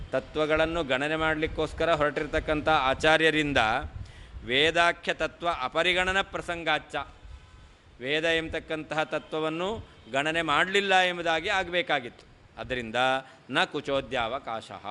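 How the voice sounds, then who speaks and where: A man's voice: fairly high pitch, sharp tone, a little hiss or hum. A man teaching a scripture text in a traditional lecture, reading Sanskrit lines and explaining them, asking and answering his own questions. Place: lecture hall.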